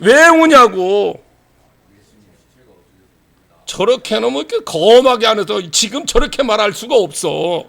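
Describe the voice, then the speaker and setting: A male pastor preaching a sermon in a church, animated and acting out scenes, raising his voice to a shout for emphasis. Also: high voice, fast talker, vocal fry, hardly any pauses. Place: church sanctuary.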